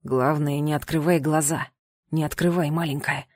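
A tender, protective young male knight speaks softly and earnestly, as a woman reading an audiobook puts him on. His voice sits very low and deep. The storybook reading is close and dry, with no room sound. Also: steady tone, moderate pace, no room sound. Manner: soft, low and earnest, half-whispered. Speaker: audiobook reader. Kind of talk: audiobook character voice.

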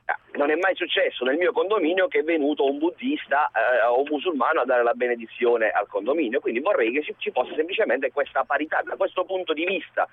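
A man's voice: fairly high pitch, fast. A man from Foggia calling in to a radio show over the phone, talking hesitantly with many fillers. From Foggia, Italy. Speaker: radio caller. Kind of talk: call-in talk. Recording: tinny phone line, faint noise.

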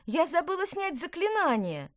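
A woman's voice: a little high, animated, moderate pace, darkish tone, dry recording, clean studio sound, voice pushed up, lightly acted. A woman voicing a cheerful, caring female apple-tree witch in a storybook reading. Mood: urgent.

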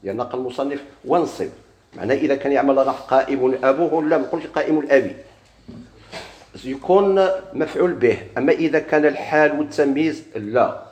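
A man's voice: medium pitch, rapid-fire, darkish tone. A man with a Moroccan Arabic accent teaching a grammar lesson in a classroom, putting questions to his students and then answering them himself. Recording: echoey room.

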